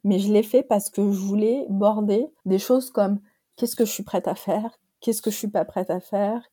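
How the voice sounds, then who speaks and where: A woman's voice: medium pitch, fairly even intonation, normal speed, warm tone, slightly rough, no echo, studio quality. A woman founder talking in a casual interview, her voice weak and trembling from an allergy, with many fillers and restarts. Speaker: app founder, guest.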